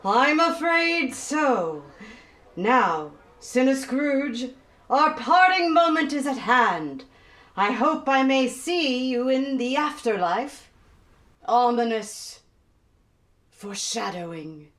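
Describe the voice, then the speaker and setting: A woman acts out a theatrical Christmas ghost for a radio play. The voice is high and sweeps widely up and down at an unhurried, slow pace. The spirit comes across as forgetful and playful. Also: sing-song, a bit bright, exaggerated voice. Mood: grand, teasing. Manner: theatrical, scatterbrained.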